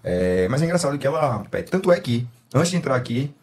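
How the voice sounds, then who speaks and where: A man with a Brazilian Portuguese accent, co-hosting a podcast and telling family stories in a casual, animated way, laughing often and mimicking his daughter. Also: mid-range voice, brisk. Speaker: podcast co-host. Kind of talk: casual chat.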